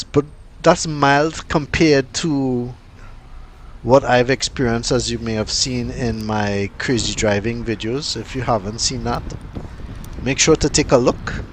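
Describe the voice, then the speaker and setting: A man from Trinidad, giving casual, unhurried vlog commentary with plenty of fillers and pauses. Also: medium pitch, slight background noise. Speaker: cycling vlogger.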